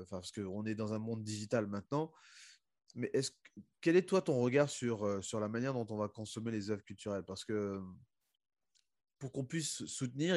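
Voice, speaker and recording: A man's voice: medium pitch, darkish tone, no echo, clean studio sound. A man from the Republic of the Congo hosting a podcast, speaking hesitantly with fillers while making a case for his guests. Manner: hesitant, many fillers and restarts, advocating. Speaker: podcast host. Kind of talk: casual interview talk.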